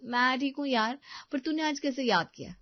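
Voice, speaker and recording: A woman plays a put-upon young daughter-in-law in a storybook tale, grumbling and exasperated in a fairly high voice. The recording is close, dry and a little dull. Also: lively intonation, moderate pace, no room sound.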